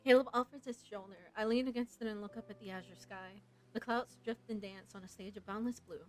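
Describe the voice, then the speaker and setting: A young woman reading a story game aloud, breaking into chatty, excited asides. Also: medium pitch, fairly quick, faint music behind, rough recording. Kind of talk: casual playthrough narration.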